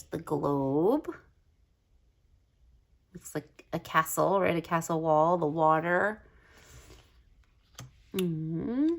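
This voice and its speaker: A woman casually flipping through a tarot deck on her channel, gushing and chatty, full of "like" fillers, with soft asides that drop to a whisper. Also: lowish voice, vocal fry. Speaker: tarot video creator.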